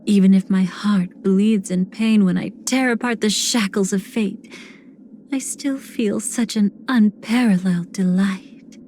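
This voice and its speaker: An actress playing a seductive, sinister woman cremator in a video game, speaking in a languid, theatrical way with breathy, whispered phrase endings. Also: mid-range voice, unhurried, a little mellow, a little hiss or hum, close to an everyday voice. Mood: sinister delight. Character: seductive, sinister woman cremator who savors betrayal and decay. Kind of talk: video game character voice lines.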